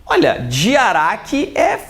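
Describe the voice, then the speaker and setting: Male teacher with a Brazilian accent, animated, swooping high delivery. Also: slow pace. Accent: Brazilian Portuguese. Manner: animated, explains by asking and answering questions. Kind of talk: exam-prep lesson.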